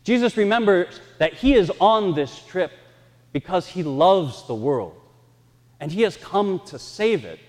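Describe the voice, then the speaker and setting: A man preaching a sermon, telling lively, self-mocking stories from the pulpit, his voice ringing with a cathedral-like echo in a large church. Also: high voice, a little slow. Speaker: pastor. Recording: long reverb in a church hall.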